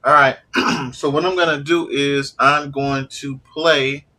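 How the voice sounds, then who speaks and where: A man's voice: medium pitch, steady tone, takes it slowly, bright, forceful tone. A man with a stuffy nose from allergies, chatting casually and rambling during a live stream. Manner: laid-back, trailing off with fillers. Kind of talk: casual rambling chat while eating.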